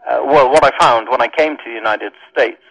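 A middle-aged Welsh man, a minister and radio guest, giving thoughtful answers with many pauses and ums. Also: mid-range voice, creaky, fairly bright tone, no echo. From Wales. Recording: dull lo-fi radio sound.

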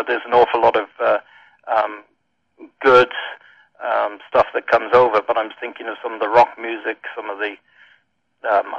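A middle-aged Welsh man, a minister and radio guest, giving thoughtful answers with many pauses and ums. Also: mid-range voice, fairly bright tone, no echo. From Wales. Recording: dull lo-fi radio sound.

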